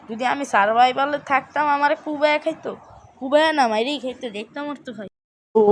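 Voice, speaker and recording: Young woman, hoarse, hyped gameplay commentary, kinda high voice, a little hiss behind. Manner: excitable, exclaiming at each find. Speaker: gaming channel host.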